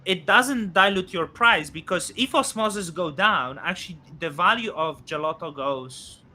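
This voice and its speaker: A man in his thirties hosts a loose crypto chat, his voice very bright and a touch high. He talks in halting bursts, full of fillers and restarts. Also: lively intonation, slight background noise. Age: 30s. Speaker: host. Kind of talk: casual crypto podcast chat.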